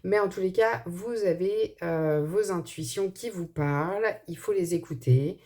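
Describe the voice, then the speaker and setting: A woman's voice: on the low side, unhurried, a little mellow. A woman with a slight lisp on her s sounds, giving an informal card reading and thinking aloud in a hesitant way. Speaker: tarot and angel card reader.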